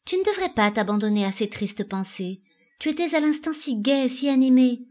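A woman's voice: medium pitch, moderate pace, darkish tone, natural voice. A woman voicing a worried young daughter in a dramatic play reading, earnest and concerned.

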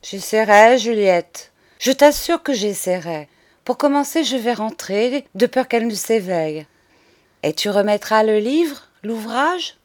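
A woman's voice: a little high, animated, unhurried. A woman voicing a defiant, cheeky poor young boy who talks back boldly. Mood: earnest.

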